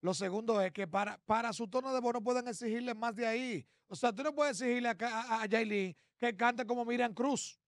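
A man on a morning radio panel, his pitch high for a man. He argues his opinion with conviction. The sound is dry and close-miked. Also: fairly quick, few pauses, dry recording. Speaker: radio co-host. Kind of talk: casual morning radio chat.

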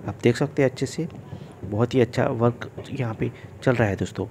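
A man's voice: medium pitch, a little fast. A man, narrating a casual railway travel vlog from a moving train and addressing viewers as friends. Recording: faint vehicle noise.

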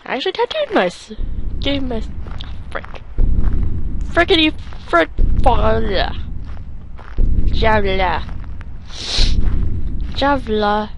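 A woman's voice: high voice, sing-song, unhurried, gravelly, long pauses. Rambling young woman gaming, noisy recording. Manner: rambling, swears often, talks to herself while playing. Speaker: let's play gamer. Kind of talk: casual gameplay commentary.

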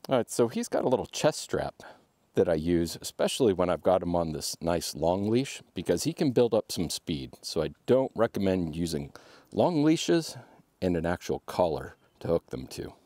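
Laid-back guy in his 30s chatting tips at a campsite, low voice, dry close sound. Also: sing-song, moderate pace, warm tone, no echo. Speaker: overlanding vlogger. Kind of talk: casual how-to vlog. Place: outdoors at a wooded campsite.

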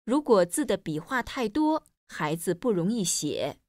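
A woman playing a teacher in a scripted textbook listening dialogue, explaining clearly and evenly. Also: mid-range voice, sing-song, measured pace, dry recording, studio quality.

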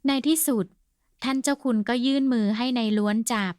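A woman's voice: sits high, brisk, noisy background. A woman narrating a comic novel as an audiobook host, telling the story politely and steadily.

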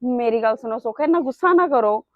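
A woman's voice: on the high side, lively intonation, a little fast, no room sound, natural voice. A middle-aged woman acting a mother who defends herself to her son-in-law in a family drama. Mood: defensive. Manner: defensive, pleading. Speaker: wife's mother. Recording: dull dry sound.

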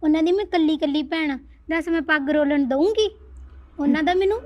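A woman's voice: sits high, a little fast, dull audio, lightly acted. A young woman playing a schoolgirl secretly in love, who talks to herself and playfully coaxes her mother. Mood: reassuring. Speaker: daughter. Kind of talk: village family drama acting.

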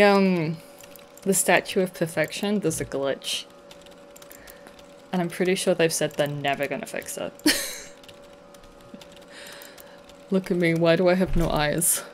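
A woman's voice: lowish voice, slow pace, long pauses, a little hiss or hum. A young woman chatting and giggling as she plays a farming game, with light jokes to her viewers. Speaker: gaming video host. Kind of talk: casual let's play commentary. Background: background game music.

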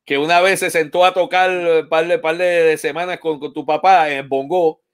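A man hosts a relaxed conversation, his voice sitting a little high for a man. He talks in a lively way and keeps dropping playful asides into his stories. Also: normal speed, clean tone. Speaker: host. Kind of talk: casual online interview.

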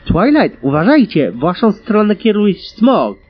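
A man voicing a brash young female pegasus squad leader who shouts orders. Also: sits high, very animated, normal speed, breathy edge, pitched above the performer's own voice, heavily acted. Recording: dull lo-fi recording.

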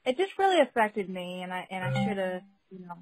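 A woman's voice: mid-range voice, very animated, a little fast, dry recording, soft background music. Giggly young woman on a phone line. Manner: chatty and giggly, many fillers and restarts. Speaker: caller sharing a testimony. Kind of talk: casual spoken testimony.

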